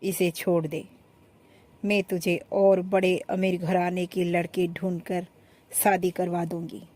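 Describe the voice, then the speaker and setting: A bossy older mother-in-law gives orders in a firm, scolding tone, as a woman puts her on. She talks slowly and deliberately, as in a told family tale. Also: lowish voice, flat delivery, dark tone, low-quality recording. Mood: coaxing.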